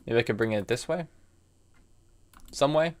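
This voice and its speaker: This mid-range male voice moves at normal speed. It comes from an American in his early twenties who streams chess, reflecting aloud on his moves and answering chat in an easygoing, musing manner.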